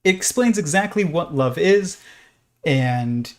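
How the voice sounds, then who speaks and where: A man hosting a casual livestream in a halting, rambling way, with pet lizards scratching in the background. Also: a little high, animated. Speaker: live stream host.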